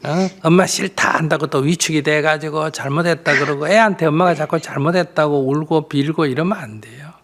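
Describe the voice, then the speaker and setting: A man's voice: a little high, a little fast, few pauses, fairly bright tone, a little hiss or hum. An older man, a monk, giving frank, plain-spoken advice in a live question-and-answer talk, often acting out a mother's words.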